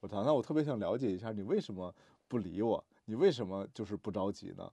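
A man with a dark, mellow voice chats casually about parenting. He tells his stories at an easy pace and drops in steady little sounds of agreement. The recording is dry and close. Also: fairly low pitch, fast talker, husky, no echo. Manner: storytelling, frequent murmured agreement. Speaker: podcast co-host, father.

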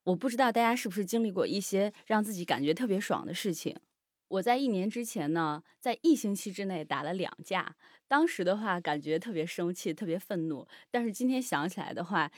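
A woman telling her own story on a radio show, lively, blunt and outspoken. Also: lowish voice, no room sound, clean studio sound.

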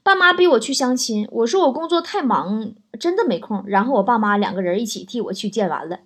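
A woman with a high, light voice hosts the show. She reads listener messages one after another and follows them with playful, teasing asides. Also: expressive, fairly quick. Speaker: host. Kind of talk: reading out listener messages with comic remarks.

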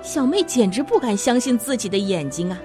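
A woman narrating a traditional children's story in an expressive storyteller's voice. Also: fairly high pitch, fairly quick, over music. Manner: expressive and animated.

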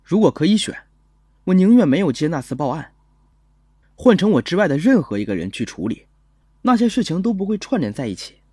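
A man voicing a young police officer who tells his story in a calm, gentle, measured first-person narration for an audio drama. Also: fairly high pitch, breathy edge, no echo.

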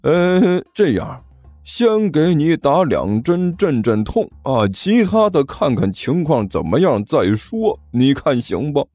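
A man's voice: fairly high pitch, very animated, slow, mellow, no echo, soft background music, voice pushed up, full character voice. A man voicing a nervous, fawning doctor who speaks in a flustered, placating way.

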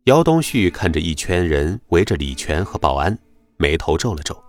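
A man narrating a web novel audiobook in an expressive storytelling manner. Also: deep voice, moderate pace, dry recording.

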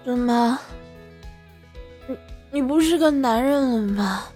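A man's voice: very high-pitched, takes it slowly, a little mellow, soft background music, pitched above the performer's own voice. A man voicing a drunk, aloof young noblewoman who taunts, in an audiobook. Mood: taunting. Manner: taunting, slurred. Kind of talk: audiobook character voice.

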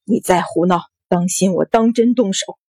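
A woman's voice: medium pitch, steady tone, normal speed, darkish tone, slightly rough, no echo, lightly acted. A woman voicing an angry middle-aged nobleman who barks stern commands.

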